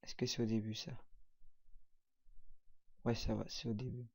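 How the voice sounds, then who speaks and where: A man's voice: lowish voice, flat delivery, normal speed, slightly rough. A man casually walking viewers through a video-editing program, talking while he clicks, with many hesitations and fillers. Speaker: tutorial presenter. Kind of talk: casual screen-recorded software tutorial.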